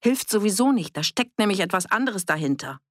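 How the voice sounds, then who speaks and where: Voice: medium pitch, big pitch swings, fairly quick, dry recording, clean studio sound, voice pushed up, close to an everyday voice. A reader voicing a blunt, grumbling village innkeeper man in an audiobook.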